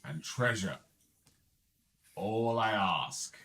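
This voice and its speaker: A man voicing an elderly male frost giant who speaks slowly and formally and wants to die in battle. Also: lowish voice, a bit bright, slight background noise, poor audio. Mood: solemn.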